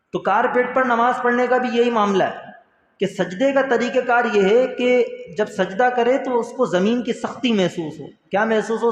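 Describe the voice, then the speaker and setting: Earnest male religious teacher in echoey hall. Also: very high-pitched. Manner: asks questions and answers them himself, repeats key points; earnest, addresses listeners as brother. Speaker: Islamic teacher. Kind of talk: religious instruction lesson. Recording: echoey hall with long reverb.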